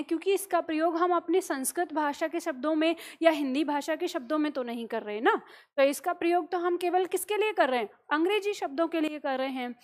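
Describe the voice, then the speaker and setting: A woman teaching a grammar lesson, explaining step by step and asking rhetorical questions that she answers herself. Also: high-pitched. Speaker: Hindi teacher. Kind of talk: classroom-style grammar lesson.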